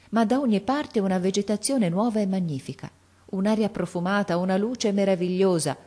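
A woman narrating a classic story in an expressive, measured way. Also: fairly low pitch. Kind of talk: audiobook narration of a classic novel.

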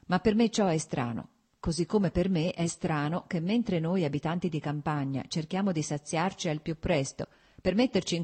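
A woman's voice: lowish voice, mellow, slightly rough, voice pushed up. A woman voicing an earnest, intense young male landowner in an audiobook reading, speaking insistently.

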